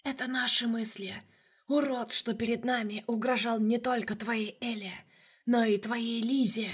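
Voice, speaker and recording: A woman's voice: on the high side, slow pace, fairly bright tone, slightly rough, pitched above the performer's own voice, exaggerated voice. A woman voicing a sly, bloodthirsty inner demon in a hissing whisper, in an audiobook.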